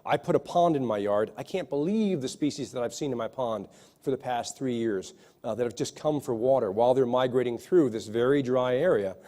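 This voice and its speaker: A man with a mellow, medium-pitched voice speaks briskly as he takes audience questions after a lecture in a lecture hall. He's an ecologist, earnest in tone, and frequently begins his sentences again.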